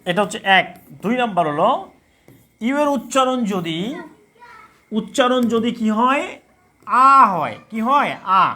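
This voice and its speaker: A man's voice: very high-pitched, expressive, normal speed, sharp tone. A man teaching English grammar in a live online class, asking questions and repeating the answers to drill his students. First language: Bengali. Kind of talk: live online class, reading chat comments.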